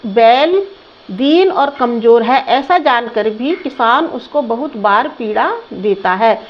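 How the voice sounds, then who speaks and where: Slow high-voiced woman teaching a lesson. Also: dull audio. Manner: slow, repeats words and asks the class questions. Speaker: Sanskrit teacher. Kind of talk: line-by-line lesson translation.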